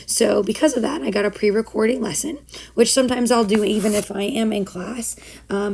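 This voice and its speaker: A middle-aged woman teacher with a hoarse, swallowed, froggy voice that is giving out, explaining a recorded lesson informally and step by step. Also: medium pitch, darkish tone. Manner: instructive, step-by-step. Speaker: school math teacher.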